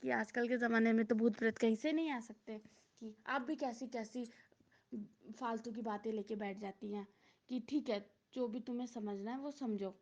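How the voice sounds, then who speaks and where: A woman's voice: a little high, normal speed, a little mellow, natural voice. A woman voicing a skeptical young village woman who talks in a dismissive, questioning way, on a dull lo-fi recording.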